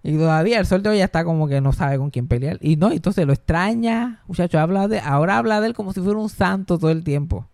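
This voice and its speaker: Comedian guy telling family stories, gravelly voice, bounces all over, dry sound. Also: high-pitched, quick pace, few pauses, dry recording. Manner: animated, switching into voices, mixing in English. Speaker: comedian, podcast co-host. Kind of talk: casual chat, comic storytelling.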